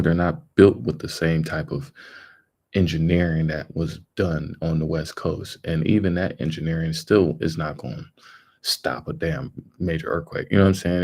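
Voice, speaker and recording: A man's voice: very deep voice, a little mellow, breathy edge. A man giving casual, emphatic live commentary in colloquial, repetitive phrasing. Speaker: livestream host commenting on a video.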